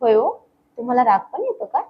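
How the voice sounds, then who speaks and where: A woman's voice: on the high side, sing-song, fairly quick, dull audio. A woman voicing a mischievous young wife in a spoken story, coaxing and teasing her husband.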